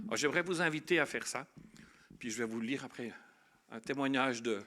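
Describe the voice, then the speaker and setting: A male pastor delivers a sermon in a middle-pitched voice. He preaches earnestly, dropping to soft reflection and then building to emphatic, repeated declarations. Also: brisk.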